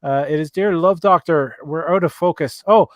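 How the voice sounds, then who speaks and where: An Irish man hosting a live video-call chat show reads viewer questions aloud, hesitating with many fillers and restarts. His slightly high voice sounds dry and close, with no echo, at a moderate pace.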